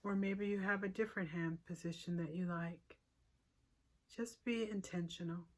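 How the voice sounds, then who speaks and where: A woman teacher leads a guided meditation with short, unhurried cues and pauses, in a soothing, gently inviting manner. Her voice is fairly low in pitch with fairly even intonation.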